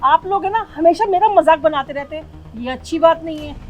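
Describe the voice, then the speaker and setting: A hurt but dignified neighbor woman, played by an actress who speaks earnestly and with indignation. Her voice is high, and faint music plays behind it. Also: brisk, muffled recording. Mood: indignant.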